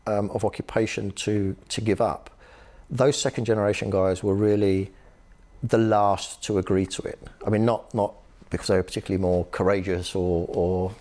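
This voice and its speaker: A man with a fairly low voice recounts historical episodes in a conversational interview. He tells the stories with energy, often pausing on fillers and restarting his sentences. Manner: lively storytelling with frequent fillers and restarts. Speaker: author and human rights activist, guest.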